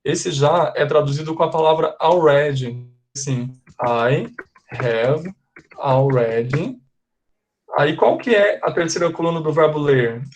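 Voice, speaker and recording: A man with a slightly high voice leads an English class for his students. He explains things patiently and slowly repeats each example sentence so the class can follow. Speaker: English teacher. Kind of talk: live online class.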